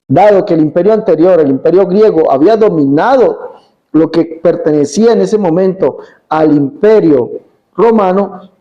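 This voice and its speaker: A man's voice: a little high, mellow, muffled recording. A man preaching a Bible teaching, emphatic, repeating his points and asking rhetorical questions.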